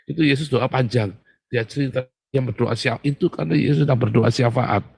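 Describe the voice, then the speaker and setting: A man preaches in a relaxed, conversational way, joking with his listeners. He leans hard on key words, then drops to a near hush when urging calm. His voice sits at an ordinary middle pitch. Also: a little fast, gravelly, breathy edge, no room sound. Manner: chatty, joking, swings between loud emphasis and hushed calm. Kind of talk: casual sermon.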